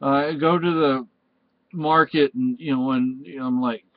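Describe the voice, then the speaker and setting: A man's voice: medium pitch, fairly even intonation, moderate pace, phone-quality sound. A Spanish-born man with Spanish as his first language, hosting a home vlog in a rambling, meandering way that keeps correcting itself. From Spain. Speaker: vlog host. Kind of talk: casual rambling chat to camera.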